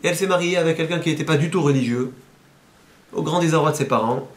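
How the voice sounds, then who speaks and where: A man, a rabbi, giving a sermon and telling a story with lively, animated delivery. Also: fast talker, echoey room. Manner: animated storyteller, voices quoted speakers, rises high at emotional peaks.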